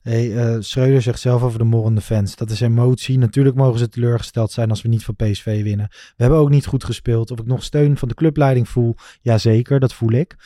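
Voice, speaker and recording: Male co-host, animated and chatty, mellow tone, dry close mic. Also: medium pitch, brisk, hardly any pauses, dry recording. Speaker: podcast co-host. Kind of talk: casual football chat.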